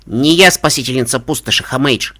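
A man voicing a young female pony who is desperate and doubts herself, shouting and crying. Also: mid-range voice, brisk, lightly acted.

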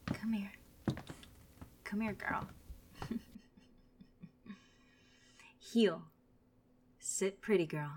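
A woman's voice: mid-range voice, extremely slow, long pauses, darkish tone, slight background noise. A woman voicing a vindictive jilted ex-girlfriend in an audio roleplay, often whispering as she gloats. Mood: taunting.

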